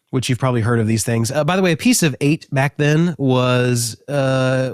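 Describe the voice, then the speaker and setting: A man hosting a casual educational talk, animated and joking, with frequent fillers. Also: medium pitch, dry recording, studio quality. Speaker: host.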